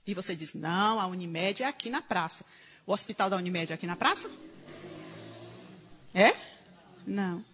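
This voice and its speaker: A woman preacher, delivering a sermon in animated storytelling style and acting out the people she quotes. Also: medium pitch, breathy edge. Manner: animated storytelling, quoting others in dialogue. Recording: reverberant hall.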